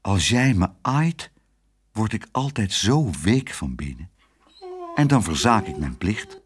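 A man voicing a stern male police dog who talks in a low, gruff, threatening way. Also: very animated, slow. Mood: softened.

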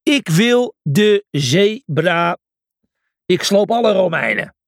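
A man's voice: on the high side, wildly swooping pitch, moderate pace, vocal fry, husky, dry recording, studio quality, exaggerated voice. A man voicing a stubborn, belligerent pig who growls and roars, in an acted children's audiobook. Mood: furious. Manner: growling, roaring. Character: belligerent, stubborn raging male fighting pig.

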